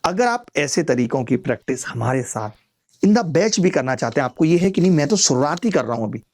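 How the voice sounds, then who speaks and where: A man teaching an exam maths lesson in a lively, chatty way, putting questions to his students. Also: medium pitch.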